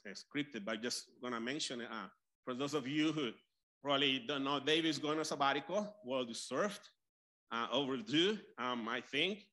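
A man at church introduces the next speaker without a script. His voice is bright and clear, but he pauses and goes back over his words often. He sounds friendly and informal. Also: mid-range voice. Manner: hesitant, many fillers and restarts. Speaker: church leader introducing the preacher. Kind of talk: unscripted announcement.

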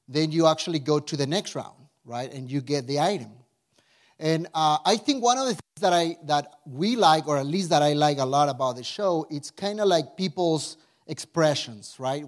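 A pastor in his forties, from Mexico and with a Mexican Spanish accent, preaches in a voice on the high side. The sermon is casual, with a prayer, and his manner is animated and talkative, marked by restarts and frequent "right?"

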